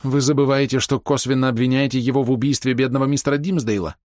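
A man's voice: medium pitch, fairly even intonation, fast, a little mellow, no echo, studio quality, voice pushed up, close to an everyday voice. A man voicing a proud, distraught older woman who pleads and flares up in indignation. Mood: defiant. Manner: pleading, indignant, breaking into outbursts. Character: proud distraught older woman, fiercely defending her brother.

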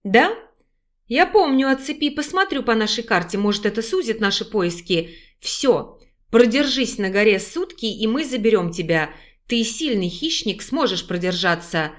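A woman voicing an anxious, hot-tempered young man who commands loudly, in an audiobook. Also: high voice, animated, moderate pace. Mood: commanding. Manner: loud, commanding, hissing.

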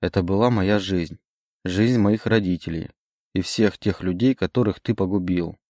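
A man voicing a grief-stricken young man who shouts in anguish at the demon inside him, in an audiobook reading. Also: low voice, moderate pace, no room sound, clean studio sound, close to an everyday voice. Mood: stunned. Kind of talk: audiobook character voice.

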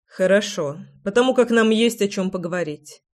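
A reader doing a calm, guarded father. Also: sits high, close to an everyday voice. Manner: calm, measured.

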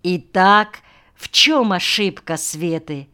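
A patient village schoolteacher, as a woman reader plays him speaks in a mildly chiding, coaxing way, asking his pupils question after question. The voice is smooth and clear, and it moves slowly. This comes from a storybook audiobook. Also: lowish voice, pushed and bright. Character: patient male village schoolteacher, gently reproachful. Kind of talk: audiobook character voice.

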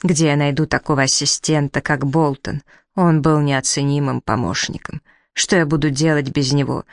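A man voicing a hot-tempered elderly male professor who shouts and rants in fury, read from a storybook. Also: fairly high pitch, steady tone, normal speed, no room sound, studio quality, natural voice. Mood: exasperated. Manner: shouting, furious, exasperated.

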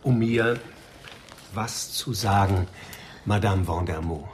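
In a radio crime drama, a male actor plays a middle-aged police commissioner who is calm, patient and somewhat puzzled. His voice is on the low side, and his delivery is understated, halting and matter-of-fact. There is slight background noise.

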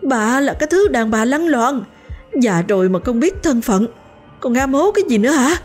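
Woman doing a shrill screaming young woman. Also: animated, normal speed, soft background music.

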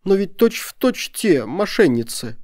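A man's voice: very animated, a little slow, a little mellow, dry recording, studio quality. A man voicing a flustered older woman who nervously defends herself in an audiobook story. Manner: high, fretful, defensive. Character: older woman, Madame B, flustered mother-in-law.

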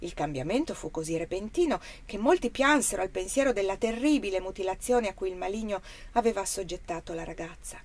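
Reading a novel aloud, this woman gives a measured, expressive audiobook narration from a script. Her voice sits at medium pitch.

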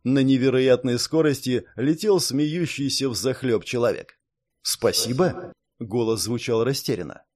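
Male audiobook narrator, measured and dramatic, mid pitch. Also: darkish tone.

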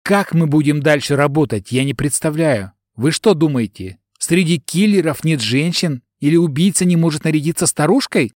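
A man's voice: fairly high pitch, normal speed, hardly any pauses, darkish tone, dry recording, clean studio sound, natural voice. A man voicing a stern, commanding female bodyguard in an audiobook, raising his voice to a scolding woman's tone.

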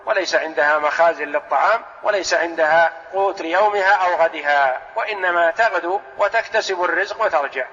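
A sheikh gives a methodical religious lesson, asking his own questions and then answering them. His voice sits high for a man and has a sharp, bright edge. It comes through as a dull, lo-fi radio broadcast with long hall reverb. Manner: explanatory, methodical. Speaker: sheikh teaching Quran commentary.

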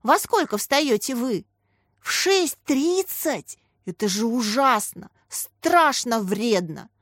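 A woman's voice: fairly high pitch, sing-song, moderate pace, a bit bright, no echo, studio quality. A woman voicing a chatty, clever schoolboy who argues eagerly and exclaims often. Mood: excited.

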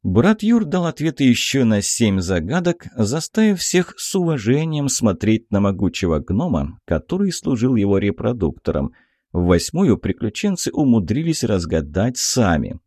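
A man's voice: lowish voice, very animated, moderate pace, warm tone, husky, no echo, clean studio sound. A man narrating a fantasy story as an audiobook reader.

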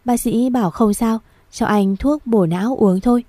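A woman voicing a young husband who speaks gently and calmly to reassure his wife. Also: fairly high pitch, normal speed, dry recording, close to an everyday voice. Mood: reassuring.

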